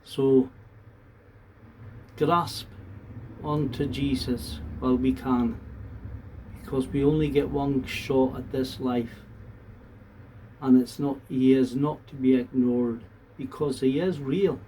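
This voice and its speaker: A man from the talks to viewers in a casual, unhurried, plain-spoken and earnest monologue. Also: mid-range voice, fairly even intonation, dark tone. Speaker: vlogger. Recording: distant mic, faint background noise.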